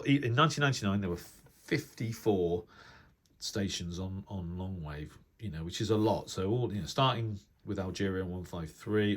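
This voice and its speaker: Reviewing a reference book, this man rambles through his explanations as a radio hobby vlogger, thinking aloud and correcting himself in an easygoing, informal manner. He has a low voice with a fairly bright quality, and there's slight background noise.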